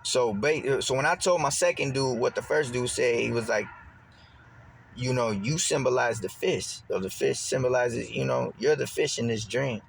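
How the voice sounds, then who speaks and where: Young man vlogging a story, loose and rambling, lively when quoting others. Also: medium pitch, moderate pace, gravelly, hardly any pauses, slight background noise. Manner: rambling, repeats words and restarts, animated when quoting. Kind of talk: casual storytelling.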